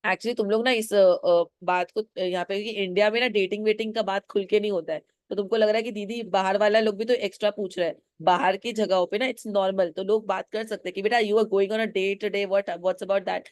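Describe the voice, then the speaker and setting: A woman's voice: medium pitch, fairly even intonation, brisk, few pauses, a little mellow, no room sound, clean studio sound. A woman teacher giving a classroom lecture, explaining a play line by line in a mix of Hindi and English and quizzing her students. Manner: mixes Hindi and English, asks students questions, acts out lines.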